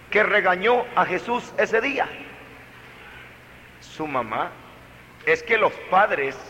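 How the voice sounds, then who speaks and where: A man preaching a sermon to families, emphatic and dramatic, with big swings from loud to soft. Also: high voice, in a large hall, slight background noise.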